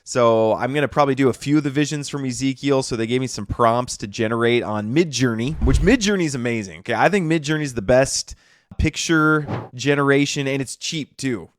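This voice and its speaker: A man's voice: mid-range voice, fairly quick, no echo. Chatty man walking through a tutorial. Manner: chatty, often adds "okay?". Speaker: YouTuber. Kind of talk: casual tutorial walkthrough.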